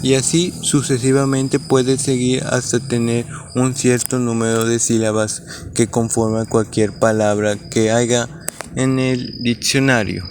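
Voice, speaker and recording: A man reading out a school lesson on syllables, with plain delivery and short pauses between examples. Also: medium pitch, level tone, background noise.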